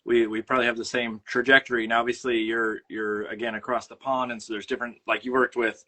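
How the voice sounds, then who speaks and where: A man with a Minnesota accent hosts a casual livestream from his home, talking into a phone on a mount. His voice is bright and forceful, and he rambles along with plenty of fillers and restarts. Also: medium pitch, little pitch movement, fast talker. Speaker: host. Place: home studio room.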